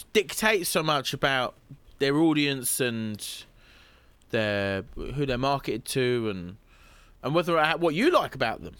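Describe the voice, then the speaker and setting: A man's voice: a little high, fairly bright tone, no room sound. A man co-hosting a podcast, chatting casually with wry, rambling musings full of hesitations. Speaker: podcast co-host. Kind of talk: casual chat.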